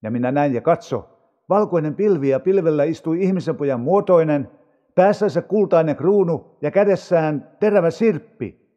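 A man reads scripture aloud in a solemn, measured manner. His voice sits high for a man but sounds mellow. The recording is somewhat dull and carries a long reverb. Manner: measured, unhurried reading. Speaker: audio Bible reader.

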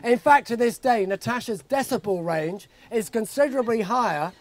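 Older guy in his 60s doing a father of the bride speech, pretty high voice, jokey stories off his notes. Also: normal speed, a faint crowd. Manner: jokey storytelling. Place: outdoor garden wedding reception. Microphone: handheld microphone held close.

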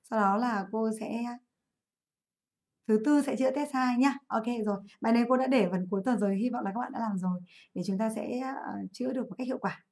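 A woman with a fairly high voice runs a live online English class. She talks in a chatty way and keeps asking students to comment. She corrects her own slips as she goes. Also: a little fast, darkish tone. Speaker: English teacher. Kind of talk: live online class, going over an exam.

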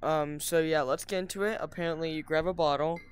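A man doing casual game commentary as a video host, rambling haltingly and often interrupting himself. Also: fairly high pitch, fairly even intonation, clean tone.

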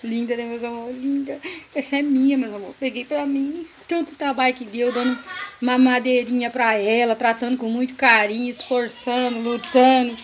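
A woman's voice: on the high side, steady tone, normal speed, slight background noise. A woman vlogging casually at home, chatting to her viewers and cooing in baby talk at her puppies.

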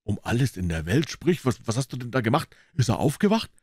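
A man's voice: medium pitch, big pitch swings, fairly quick, a little mellow, breathy edge, dry recording, studio quality, pitched above the performer's own voice. A man voicing a nervous, timid boy who asks anxious, hesitant questions.

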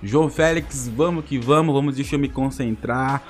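A young man with a Brazilian accent giving excited commentary on a mobile football game, groaning and laughing at his bad luck. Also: mid-range voice, moderate pace, soft background music. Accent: Brazilian Portuguese.

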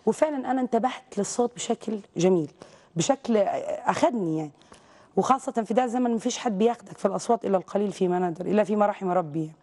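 A woman from Saudi Arabia speaks very fast, pressing her points hard in a televised interview. Her voice is mellow and dark in tone, and she talks with emphatic conviction. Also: mid-range voice. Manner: outspoken, rapid and emphatic. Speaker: guest, visual artist. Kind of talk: TV interview conversation.

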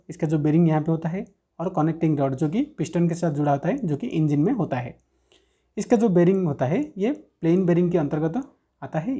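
A man working through technical exam questions in a screen-recorded lesson, reading each question slowly and then explaining the answer step by step. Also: high-pitched, warm tone, breathy edge. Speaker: technical teacher. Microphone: screen recording voice-over.

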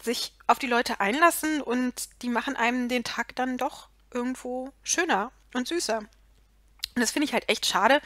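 Woman, higher voice, casual frank reviewer, umming often, dry close mic. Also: fairly bright tone, no room sound. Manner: opinionated, frank, many fillers. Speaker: book reviewer. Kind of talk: casual spoken book review.

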